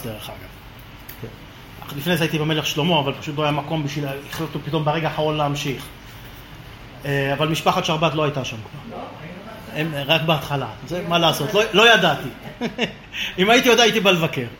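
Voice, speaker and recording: A religious lecturer gives a humorous, lively talk, telling a story and performing the voices of its characters. His voice is a little high. The room is echoey, with slight background noise.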